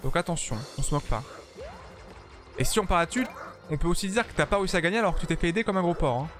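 A man's voice: high-pitched, lively intonation, very fast, music in the background. A tired man chatting casually with his viewers while streaming a game, joking and swearing freely. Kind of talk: casual live-stream commentary while playing.

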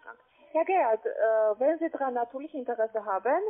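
Over a muffled, narrow phone line, a saleswoman at a call centre talks in a very high voice with a foreign accent; German isn't her native language. Her speech is halting, and she keeps checking in with brief questions.

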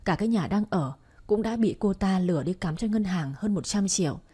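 A woman narrating a bedtime story in a calm, even storytelling manner. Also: medium pitch, a little fast, breathy edge.

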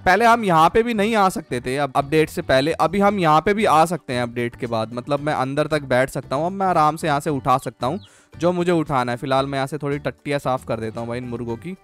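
A gaming channel host chats casually over his farming game, constantly treating his viewers as friends and calling them "guys" and "bhai." His voice is fairly high and a bit bright, he talks fast, and soft music plays in the background.

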